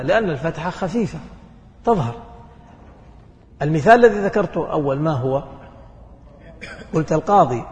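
A man's voice: on the high side, a little mellow, big-room sound. A man teaching a grammar lesson, asking questions and answering them himself. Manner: asks questions then answers them, checks understanding. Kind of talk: classroom lesson.

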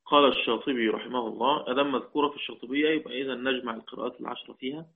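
A man with an Egyptian accent teaching the Quranic readings, drawing out quoted verses slowly and checking in with his listeners. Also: medium pitch, fairly even intonation. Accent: Egyptian Arabic. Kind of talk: religious lesson explaining a poem on the readings. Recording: tinny phone-like audio.

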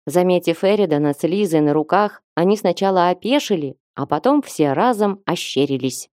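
A woman narrating an audiobook in a steady storytelling manner, recorded close to the mic. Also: fairly low pitch, normal speed, no echo. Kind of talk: scripted narration.

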